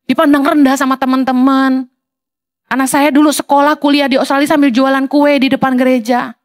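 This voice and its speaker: A middle-aged woman pastor preaching a sermon, animated, acting out whiny petty prayers to mock them. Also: high voice, fairly quick, no room sound, studio quality.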